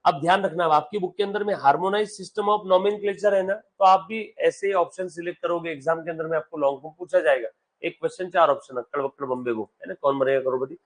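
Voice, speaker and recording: A male accountancy teacher with a high, steady voice delivers a live classroom lecture. He reads English text slowly, explains it in Hindi, and keeps quizzing his students, whom he calls "beta".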